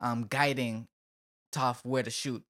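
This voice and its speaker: A young woman with an unusually deep, low voice, co-hosting a relaxed podcast. She recaps scenes in a chatty way and drops into playful quotes of the characters. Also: slow. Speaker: podcast co-host. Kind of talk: casual chat.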